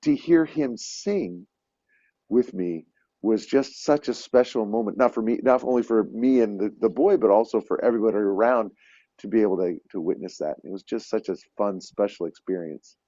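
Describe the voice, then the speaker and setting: A man's voice: fairly low pitch, moderate pace, mellow, no room sound. A man telling stories as a guest, chatting casually with lots of restarts and fillers. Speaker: guest, Santa performer living in Japan. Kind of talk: casual conversation. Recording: dull, lo-fi and dry.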